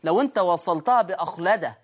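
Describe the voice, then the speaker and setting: A woman's voice: on the low side, fast talker. A woman with an Egyptian accent teaching tajweed on screen, explaining step by step and asking and answering her own questions. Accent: Egyptian Arabic. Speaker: Quran recitation teacher. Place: studio lesson with a control room.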